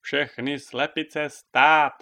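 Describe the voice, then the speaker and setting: A man's voice: mid-range voice, animated, sharp tone. A man playing a bossy hen drill sergeant. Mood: commanding. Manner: barking commands.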